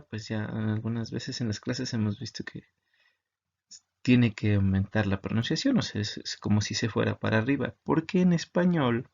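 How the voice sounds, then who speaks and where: A man's voice: mid-range voice, vocal fry, a little mellow, highs cut off. A man teaching English grammar to students, patiently explaining in Spanish with English examples.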